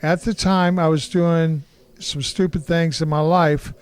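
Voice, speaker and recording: A man's voice: fairly high pitch, fairly even intonation, a little slow, clear, resonant tone. A man in his sixties from Kansas City, a martial artist telling his life story in an interview, blunt and rambling with frequent restarts. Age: 60s.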